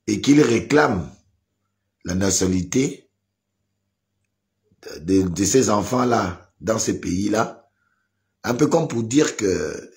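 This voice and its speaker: A man from Gabon gives advice as an online commentator in a live video. His voice is fairly low and darkish, and he starts hesitant with many fillers before growing emphatic.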